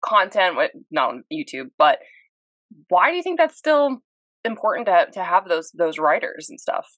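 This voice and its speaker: A woman's voice: on the low side, big pitch swings, moderate pace, a bit bright, no room sound. A woman hosting a podcast, asking questions in an upbeat, chatty way. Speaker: podcast host. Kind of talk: casual interview chat.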